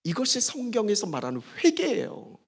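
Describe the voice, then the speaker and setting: A man preaching a sermon as pastor, emphatic, with dramatic pauses and swings between soft and loud delivery. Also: sits high, wildly swooping pitch, slightly rough. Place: church service.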